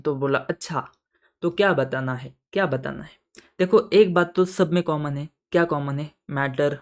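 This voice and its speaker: A man teaching audit in a casual, playful lecture, chatting with students and slowly repeating key terms. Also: fairly high pitch. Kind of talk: casual Hindi-English lecture.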